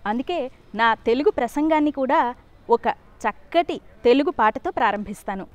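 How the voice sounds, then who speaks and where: A woman's voice: sits high, lively intonation, normal speed, lo-fi sound. A young woman giving a prepared speech at a cultural event, teacherly, asking her listeners to say words after her. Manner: warm teacherly, asks the audience to repeat words. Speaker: speaker addressing a Telugu cultural event. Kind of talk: prepared speech with sung song.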